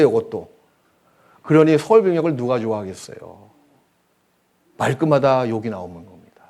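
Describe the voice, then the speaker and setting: A male pastor preaching a sermon in a church, telling anecdotes with humor and swinging between loud bursts and quiet asides. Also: medium pitch. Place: church hall.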